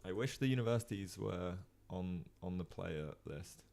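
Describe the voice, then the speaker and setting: A young man talks through chess games for a live-stream audience in a casual, rambling way. His voice sits very low and carries a gravelly fry, and he leans on frequent ums and uhs while he thinks aloud and answers the chat. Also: animated, moderate pace, a little mellow. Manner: chatty, many ums and uhs, reads chat.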